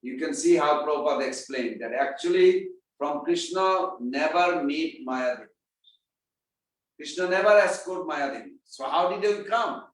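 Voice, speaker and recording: Man, scripture class speaker, slightly high voice, far from the mic, very echoey room. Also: lively intonation, normal speed. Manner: conversational, quizzes the audience; chants verses in Sanskrit.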